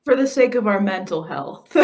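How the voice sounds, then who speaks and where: A woman's voice: medium pitch, background noise. A woman co-hosting a casual live stream, swearing freely, saying y'all and laughing often. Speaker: podcast co-host.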